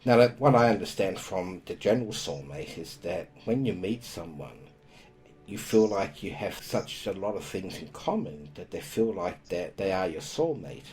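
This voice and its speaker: A man hosting a podcast, explaining spiritual topics in a calm, casual way. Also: deep voice, moderate pace. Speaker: podcast host.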